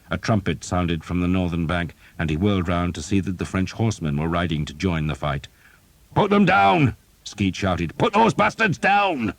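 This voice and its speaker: A man narrating an audiobook in a steady, dramatic storytelling manner. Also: deep voice, no room sound. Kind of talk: scripted narration.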